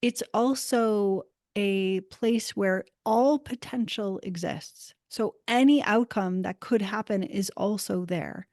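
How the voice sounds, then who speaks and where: A woman's voice: medium pitch, slow, few pauses, no echo. Reflective woman speaking on a dry mic. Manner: reflective, animated storytelling with frequent "like". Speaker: guest, Akashic Records practitioner. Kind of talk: casual conversational interview.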